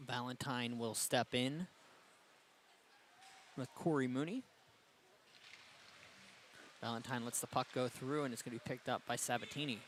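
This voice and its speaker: A man doing play-by-play commentary for a high school hockey game, brisk and getting louder on big plays. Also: slight background noise. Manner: brisk, rises in excitement on goals. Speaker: play-by-play announcer.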